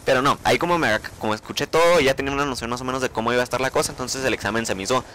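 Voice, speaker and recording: A man's voice: medium pitch, racing, pushed and bright, slight background noise. A young man with a Mexican accent telling a story casually as a vlogger. He swears freely and acts out his own reactions.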